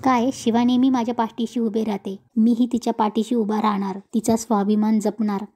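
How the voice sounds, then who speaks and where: A woman's voice: a little high, flat delivery, brisk, mellow, natural voice. A woman reading a determined young husband. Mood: firm. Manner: firm, earnest. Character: determined young husband defending his wife.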